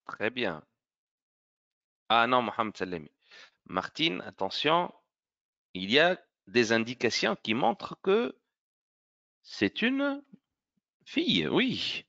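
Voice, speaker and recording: A man teaching an online French grammar lesson to children, slow and careful in his explanations and encouraging as he praises pupils by name. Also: mid-range voice, big pitch swings, gravelly, pushed and bright, muffled recording.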